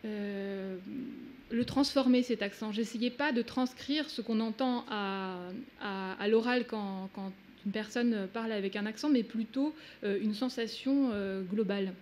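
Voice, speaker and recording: A woman's voice: mid-range voice, measured pace, darkish tone, slight background noise. A woman author whose native language is Russian, talking reflectively and searching for words. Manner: searching for words, many hesitations. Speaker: author guest. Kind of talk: reflective talk. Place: event hall.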